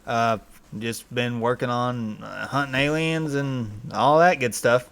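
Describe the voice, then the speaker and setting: A man with a cold hosting a casual comedic interview in a halting, folksy way. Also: mid-range voice, fairly even intonation, gravelly, fairly bright tone, clear, resonant tone. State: has a cold. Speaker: podcast host.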